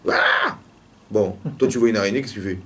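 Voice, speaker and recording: A man, a rabbi, teaching a lively religious lesson in a classroom and pressing his students with repeated questions. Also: on the low side, very fast, slight background noise.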